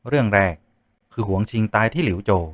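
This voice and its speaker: A man doing a calm deep-voiced official, slow and steady, lively pitch. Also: no room sound, studio quality. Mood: solemn.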